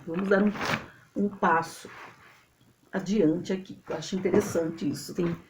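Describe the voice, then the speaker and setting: A Brazilian woman teaching a literature lesson to a camera, explaining step by step in an animated way and often checking that her students follow. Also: on the low side, a little slow, noisy background. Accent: Brazilian Portuguese. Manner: animated and explanatory, checks understanding with tag questions. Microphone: camera mic.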